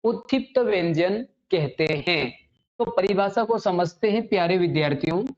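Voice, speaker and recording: A woman teaching a Hindi grammar lesson to students. She often checks in with "ठीक है?" and slows right down to spell out sounds and definitions. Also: on the low side, expressive, darkish tone. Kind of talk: online classroom lesson. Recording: slightly dull lo-fi audio.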